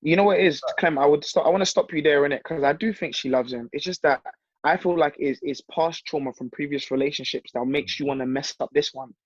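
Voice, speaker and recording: A man's voice: fairly high pitch, fast talker, no echo, muffled recording. A man, co-hosting a casual podcast chat and mimicking others in banter. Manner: animated, mimics voices in banter. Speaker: podcast co-host.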